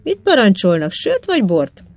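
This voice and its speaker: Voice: medium pitch, huge pitch swings. A reader voicing a fussy young male tavern waiter who asks pedantic questions one after another. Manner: pedantic, rapid-fire questioning.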